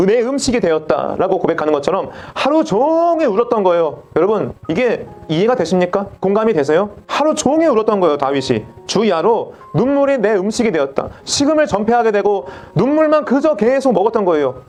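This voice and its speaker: A man's voice: high voice, a little mellow. A man preaching a sermon as pastor, dramatic and direct with the congregation, acting out mocking voices.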